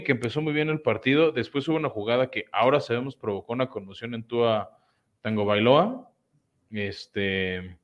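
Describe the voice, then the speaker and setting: A man co-hosting a casual sports talk show, breaking down games analytically. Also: mid-range voice. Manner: analytical, frequent fillers. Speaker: podcast co-host. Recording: muffled lo-fi audio.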